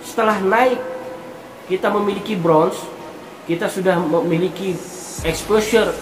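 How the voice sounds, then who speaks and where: A man explaining something to viewers in a monologue, speaking deliberately in halting phrases and repeating words for emphasis. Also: sits high. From Indonesia. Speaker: online content creator. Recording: roomy echo with music behind. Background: music.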